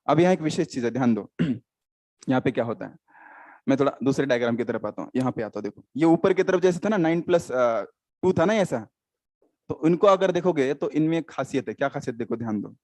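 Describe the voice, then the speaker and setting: A man's voice: medium pitch, expressive, brisk, darkish tone, dry recording. An Indian man teaching biology in a live class, often quizzing students and repeating terms, switching into English.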